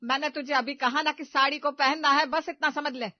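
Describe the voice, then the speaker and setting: A woman voicing an exasperated middle-aged mother-in-law who scolds loudly in a cartoon story. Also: mid-range voice, moderate pace, no echo, muffled recording, lightly acted. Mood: scolding.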